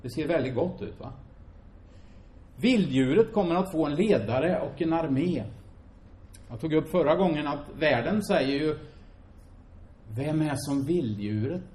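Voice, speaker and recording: A male preacher delivers a sermon in a church hall. His voice sits fairly high, and he drives his points home with repetition and rhetorical questions, speaking with lively, emphatic energy. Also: pauses often. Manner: emphatic, animated preaching with repeated phrases; addresses the congregation with rhetorical questions. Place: church hall before a congregation.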